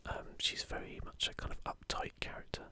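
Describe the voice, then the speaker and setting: Whispering slowly and gently, a man creates gaming ASMR content, his voice an unvoiced whisper that stays soft and breathy. He chats casually and reads some passages aloud.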